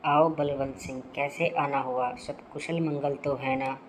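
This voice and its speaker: Woman playing a calm cartoon king, deep for a female voice, formal, reassuring, faint noise. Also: a little slow, low-quality recording. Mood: calm authority. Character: calm, reassuring male king granting help. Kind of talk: cartoon story acting.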